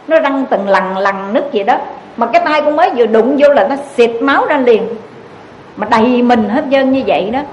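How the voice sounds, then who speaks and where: A woman's voice: sits high, slight background noise, low-quality recording. A Buddhist nun giving an earnest dharma talk, urging her listeners with repeated rhetorical questions. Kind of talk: sermon.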